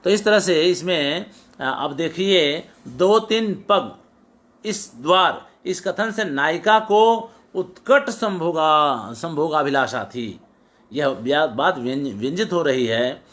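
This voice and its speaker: A man's voice: a little high, animated, slow pace, fairly bright tone. Man explaining Sanskrit poetry. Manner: explanatory, repeats and restarts words, quotes verses then glosses them. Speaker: teacher. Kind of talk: lecture on Sanskrit poetics.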